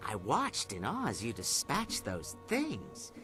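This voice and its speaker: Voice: medium pitch, huge pitch swings, slow, music in the background. An actor voicing a wary keeper of a haunted inn in a video game, speaking formally and with suspicion. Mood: guarded.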